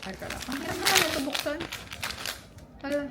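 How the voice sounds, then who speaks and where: A young woman, chatting excitably to viewers in a casual travel vlog. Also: sits high, fairly quick. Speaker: travel vlogger. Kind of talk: casual vlog chat to camera. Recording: loud background music and crowd noise.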